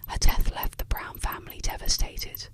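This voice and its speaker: A woman narrating eerie tales as ASMR, in a soft unvoiced whisper close to the ear. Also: normal speed. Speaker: ASMR storyteller. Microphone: close ASMR microphone.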